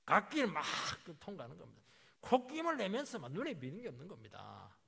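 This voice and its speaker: A man's voice: sits high, wildly swooping pitch, a little fast, creaky, crowd noise. A male pastor preaching a sermon, telling the story vividly and breaking into sudden emphatic outbursts. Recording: reverberant church hall.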